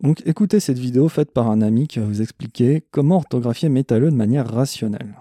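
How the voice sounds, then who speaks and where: Blunt, swearing French metal podcaster. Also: male voice, medium pitch, fast talker, warm tone, no room sound, studio quality. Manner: blunt, irreverent, swears freely. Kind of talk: casual monologue answering questions.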